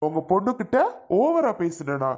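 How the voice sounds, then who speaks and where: A woman's voice: medium pitch, sing-song, normal speed, a little mellow. A woman voicing an irritated young husband who snaps back defensively in a cartoon serial.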